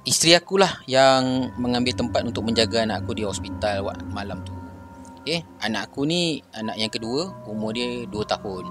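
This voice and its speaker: A man with a Malaysian Malay accent telling a true horror story in a casual, chatty way, talking straight to his listeners. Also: on the low side. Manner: chatty, conversational, addresses listeners. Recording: faint background music.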